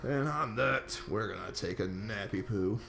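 A man's voice: fairly low pitch, moderate pace, gravelly, a bit bright. A young man co-hosting a gaming video, swearing freely and joking casually while he plays. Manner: crude, swears freely, puts on silly voices. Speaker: co-host playing the game. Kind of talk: casual gameplay chat.

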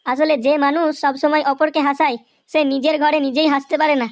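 A woman's voice: high voice, little pitch movement, fairly quick, close to an everyday voice. A woman voicing a downcast, joking poor male hawker in a cartoon, speaking wearily. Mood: weary. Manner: weary, sighing, repeats 'বুঝলে'. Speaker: cartoon voice actor.

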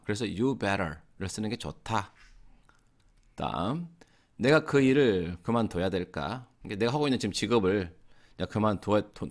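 In an online English grammar lesson, a man with a lowish voice gives casual explanations in English. Between them, he reads example sentences slowly and carefully.

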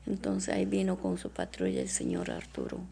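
Distressed woman with a gravelly voice. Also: a bass voice, wildly swooping pitch, mellow, slight background noise. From Peru. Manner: halting and repetitive, often addressing the interviewer as doctora. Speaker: witness. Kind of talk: emotional testimony in an interview.

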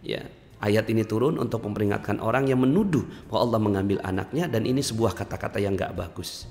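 A man giving a seminar talk as a motivational speaker, telling a story in an animated way with sudden rises in pitch. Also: fast talker. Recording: hall reverb with faint background music.

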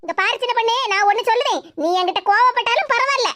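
A woman voicing a bold, sharp-tongued neighbor woman in a cartoon, chatty and outspoken, with a Tirunelveli Tamil accent. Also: very high-pitched, very fast, dry recording. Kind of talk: cartoon voice acting.

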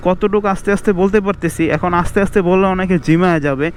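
Fast-talking young Bangladeshi man outdoors. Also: sits high, steady tone, a little hiss or hum. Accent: Bangladeshi Bengali. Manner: fast chatty talk with English words mixed in. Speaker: motovlogger. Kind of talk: casual outdoor moto vlog. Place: outdoors by a roadside.

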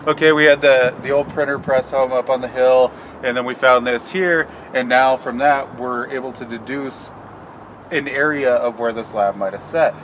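A man's voice: medium pitch, fairly bright tone, slight background noise. A man co-hosting an exploration vlog, explaining things thoughtfully outdoors on a neighborhood street, with a rambling, filler-filled delivery. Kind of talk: casual on-location explaining. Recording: distant voice with music bed.

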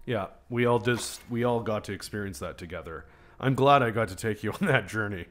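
A man's voice: on the low side, a little fast, heavy background noise. A man hosting a gaming channel, giving casual let's-play commentary in a profane, joking way. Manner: profane, joking, laughs at himself.

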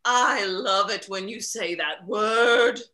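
A woman's voice: medium pitch, slow pace, bright, forceful tone. An actress playing a flirtatious wealthy lady of the house in a comedic play read over a video call, bawdy and giggly. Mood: flirty.

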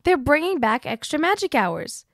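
Female podcast co-host, higher voice, dry close mic, teasing banter. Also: big pitch swings, fairly bright tone, no room sound. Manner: playful, teasing, quick to object. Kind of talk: casual chat.

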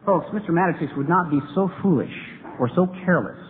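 A man's voice: on the high side, a little fast. A man giving an earnest debate speech to a live audience in a large hall, building to emphatic points. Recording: tinny lo-fi hall recording with hiss.

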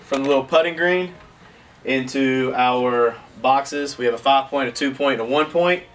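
A man in his thirties, mid-range voice at a normal pace, hosts and plays an office golf challenge in a warehouse office, full of casual, competitive, joking banter. He sounds animated and excitable. A distant camera across the room picks him up, with loud noise and clicks.

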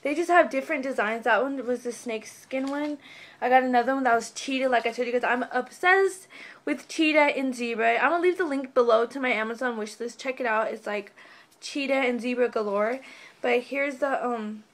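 Fairly high-pitched and fairly quick, a young adult woman talks through a relaxed haul video on her webcam indoors in her bedroom. Though slightly ill with a fading voice, she stays bubbly, meandering and filling pauses with lots of fillers.

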